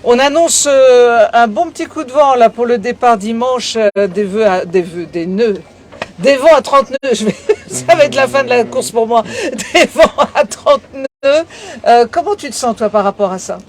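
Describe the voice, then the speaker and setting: This interviewer is a woman with a slightly high, expressive voice and a moderate pace, questioning someone on a sailing boat in port. There's noticeable ambient noise from the location.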